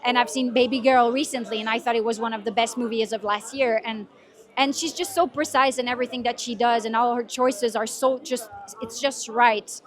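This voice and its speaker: A woman's voice: fairly high pitch, steady tone, fairly quick. A woman interviewed on a red carpet, gushing with admiration and often searching for her words.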